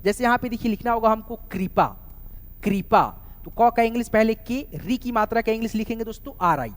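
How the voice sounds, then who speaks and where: A man's voice: very high voice, fast talker, in a large hall. A man teaching a casual spoken lesson, spelling words out letter by letter and calling his viewers friends over and over. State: sweating from heat. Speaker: online English teacher.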